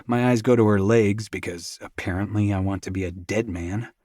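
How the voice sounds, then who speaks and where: A man's voice: on the low side, steady tone, moderate pace, mellow, dry recording, studio quality. A man narrating a first-person romance audiobook, candid and swearing in his inner thoughts.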